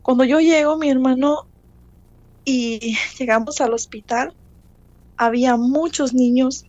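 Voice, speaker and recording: A woman's voice: a little high, a little mellow, no room sound, dull audio. A middle-aged woman giving a personal faith testimony, telling her story earnestly and repeating phrases for emphasis.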